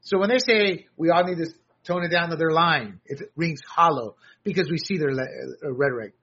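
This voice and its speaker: A man delivers a combative political monologue with biting sarcasm and a bright, forceful edge. His voice is husky and a little raised in pitch. The audio is dull and lo-fi. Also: fairly quick. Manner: combative, sarcastic, rising to shouts. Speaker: political commentary host.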